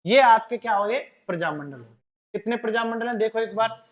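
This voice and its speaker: A male teacher with a Rajasthani Hindi accent, giving a loud, emphatic classroom lecture in a classroom and drilling words syllable by syllable. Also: sits high, lively intonation, fairly quick, highs cut off. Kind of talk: classroom lecture with memory trick.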